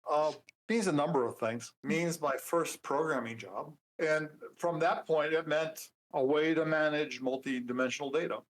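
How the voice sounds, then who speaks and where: A man's voice: on the high side, normal speed, few pauses, low-quality recording. Older man, easygoing and dryly funny. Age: 70s. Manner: relaxed, dry humor, frequent fillers and restarts. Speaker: guest programmer. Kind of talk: casual interview chat.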